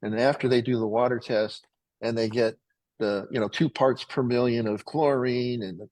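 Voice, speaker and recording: A middle-aged man who founded a water filtration company, pitching it to plumbers on a webinar in a folksy, rambling way that keeps correcting itself. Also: fairly even intonation, normal speed, darkish tone, dry recording, poor audio.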